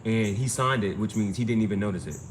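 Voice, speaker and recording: This amateur tarot reader and streamer has a lowish voice and talks quickly. During a casual spiritual reading he drives his advice home with emphatic repetition and insistence. The clip carries plenty of background noise.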